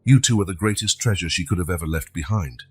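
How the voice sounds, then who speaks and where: A man voicing a grieving wealthy man who speaks in a hushed, unsteady voice. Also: sits low, quick pace, breathy edge. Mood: moved.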